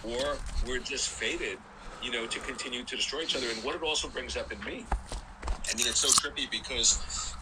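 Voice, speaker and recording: A man giving a reflective, rambling spiritual monologue in halting, searching phrases. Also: medium pitch. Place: outdoors by water. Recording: distant mic, loud watery outdoor noise.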